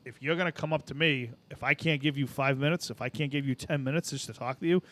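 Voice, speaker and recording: A man telling stories in a casual podcast chat, animated and swearing often, acting out what other people said. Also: mid-range voice, quick pace. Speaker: podcast co-host.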